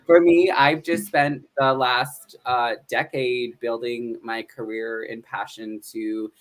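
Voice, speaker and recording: A man's voice: medium pitch, flat delivery, takes it slowly. A man in his thirties from northeastern Pennsylvania, a drag performer and educator, talking earnestly and upbeat in a casual podcast interview, with frequent fillers.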